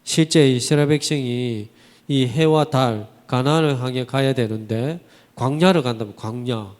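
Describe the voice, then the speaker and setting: A man's voice: mid-range voice, moderate pace. A man preaching a Sunday sermon, asking his congregation rhetorical questions and using vivid everyday expressions. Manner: animated, vivid colloquial storytelling. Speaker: pastor. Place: church sanctuary. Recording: church hall reverb.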